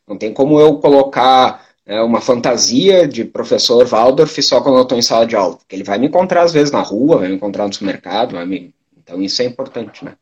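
A man teacher from Brazil answering audience questions in a relaxed, hesitant way, with lots of filler words. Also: medium pitch, slightly rough. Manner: unhurried, hesitant, many fillers. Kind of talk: live educational talk answering questions. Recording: dull lo-fi sound.

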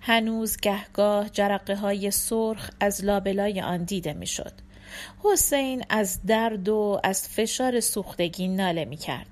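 A woman narrating a novel as an audiobook in a steady, measured reading. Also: medium pitch.

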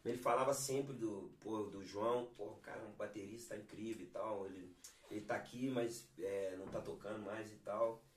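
A man's voice: on the low side, steady tone, normal speed, slight background noise. A man from Brazil, a guest singer-songwriter, telling stories in laid-back slang in a podcast chat. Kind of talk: podcast chat with live singing. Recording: roomy, mic at a distance, guitar behind.

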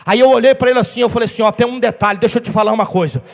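A man preaching as a pastor, telling stories with fiery energy and shouting at the peaks. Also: extremely high pitch, racing. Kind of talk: sermon. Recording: reverberant hall with faint music.

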